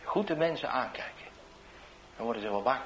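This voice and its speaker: A man, a street evangelist, tells a testimony in an animated storytelling way, swinging between loud bursts and hushed asides. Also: medium pitch, fairly quick, a little hiss or hum, low-quality recording.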